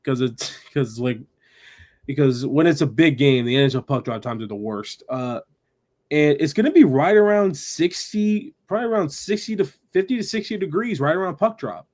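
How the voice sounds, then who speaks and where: A man's voice: a little high, expressive, normal speed, a little mellow. A man co-hosting a hockey podcast, chatting casually and reeling off stats and trivia. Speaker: podcast co-host.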